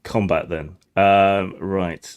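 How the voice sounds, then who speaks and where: A tired man narrates a tabletop game as game master. He uses dry, understated humor, and his voice sits low. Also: steady tone, takes it slowly, clean tone, muffled recording.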